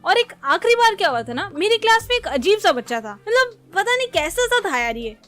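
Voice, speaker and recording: A young woman telling comic stories about her childhood with sarcastic, self-mocking timing. Her voice sits very high and stays expressive throughout. Light music runs beneath the narration. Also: brisk. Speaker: animated storyteller. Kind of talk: comedic storytelling narration.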